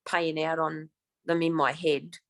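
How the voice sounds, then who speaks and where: Gravelly woman, frank and blunt. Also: sits low, flat delivery, unhurried, fairly bright tone, no echo. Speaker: support group member. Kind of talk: casual group chat.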